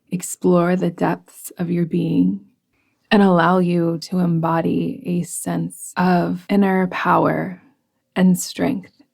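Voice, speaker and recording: Her instructions are gentle and calming: a yoga nidra guide, a woman with a lowish, soft, breathy voice, leads a very slow meditation over music. Her tone stays level with little variation, and a creaky quality surfaces as phrases come to rest.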